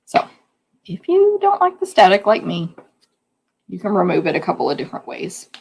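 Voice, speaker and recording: A woman with a hoarse voice, chatting casually as she demonstrates a card-making project step by step. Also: mid-range voice, wildly swooping pitch, moderate pace, darkish tone. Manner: chatty, hands-on explaining while working. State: losing her voice. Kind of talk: live craft demonstration.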